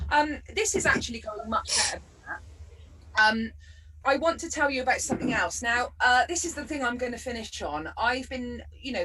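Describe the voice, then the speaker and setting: Doing stand-up over a video call, this Bristol woman speaks in a West Country English accent, chatty and sarcastic with occasional bursts of laughter. Her pitch is medium and her tone fairly bright. She's far from the mic, with slight background noise and low-quality audio.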